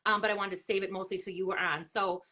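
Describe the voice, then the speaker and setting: A woman's voice: medium pitch, steady tone, quick pace, background noise. A middle-aged woman hosting a live video chat, talking casually and rambling with lots of fillers and restarts. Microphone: video call.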